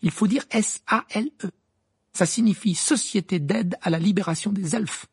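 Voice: mid-range voice, normal speed, darkish tone, husky, dry recording, studio quality, voice pushed up. An audiobook reader voicing Hermione, an earnest, bossy teenage witch who lectures with eager insistence. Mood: ardent. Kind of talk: audiobook character voice.

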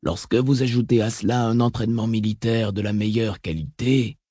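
Man reading calm calculating advisor, soft-spoken, mellow, husky, dry. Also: fairly low pitch, moderate pace, dry recording. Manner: soft-spoken, reasoned and explanatory. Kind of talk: audiobook reading.

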